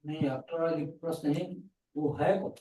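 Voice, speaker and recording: A man's voice: a little high, fairly even intonation, unhurried, dark tone, distant mic. Hesitant man speaking from off-mic. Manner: hesitant, searching for words. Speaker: class participant. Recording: roomy, from off-mic.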